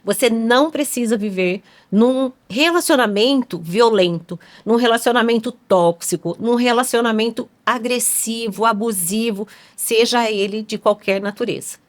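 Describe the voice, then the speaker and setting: A woman's voice: a little high, normal speed, few pauses. Encouraging woman podcast host. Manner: encouraging, repetitive emphasis. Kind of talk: conversational podcast talk.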